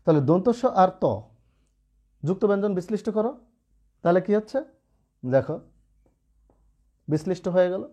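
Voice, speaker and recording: A man's voice: sits high, moderate pace, pauses often, mellow. A man teaching Bengali pronunciation rules in an online lesson, patiently checking in with students as he explains. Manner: patient, asks students rhetorical checks often.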